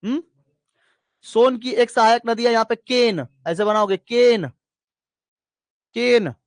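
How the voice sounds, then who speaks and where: A man's voice: extremely high pitch, takes it slowly, no echo. A man teaching a geography lesson, running through lists in a sing-song chant and asking checking questions. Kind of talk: classroom lesson with drilling repetition.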